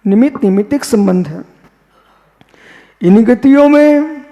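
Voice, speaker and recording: Slow-preaching monk in an echoing hall. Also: male voice, extremely high pitch, mellow, lo-fi sound. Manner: slow, repetitive, posing questions and answering them. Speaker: Jain monk. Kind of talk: philosophical sermon.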